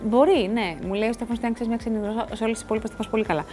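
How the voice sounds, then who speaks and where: A woman's voice: on the high side, fairly even intonation, warm tone, soft background music. A woman hosting a TV show, talking casually to the camera in a rambling way, full of asides and restarts. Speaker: TV show host. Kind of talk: casual studio chat to camera. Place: TV studio.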